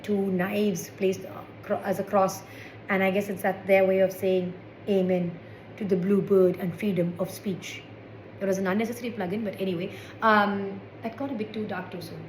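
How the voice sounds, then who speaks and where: Wry stand-up comic woman in her forties. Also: medium pitch. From India. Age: 40s. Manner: wry, sarcastic asides. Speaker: stand-up comedian. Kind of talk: stand-up comedy set. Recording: echoey room with faint background noise.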